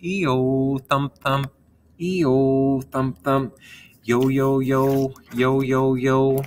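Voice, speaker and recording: An impatient young rabbit from a storybook, as a man puts him on, chanting his wants again and again in a sing-song voice. The voice is lower than usual for a man, with a faint hum of noise behind it. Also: measured pace, a bit bright, distant mic.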